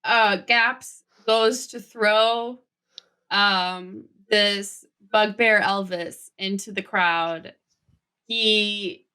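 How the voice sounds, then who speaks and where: A woman playing a tabletop game, hesitant and pausing often. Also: mid-range voice, steady tone, pushed and bright, clean tone. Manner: hesitant, lots of ums. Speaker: player. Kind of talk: casual tabletop play.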